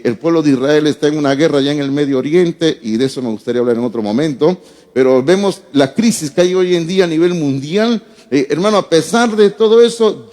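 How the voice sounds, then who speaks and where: Man, pastor, sermon, fairly high voice, rhetorical questions, long church reverb. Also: darkish tone. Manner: rhetorical questions and homely anecdotes.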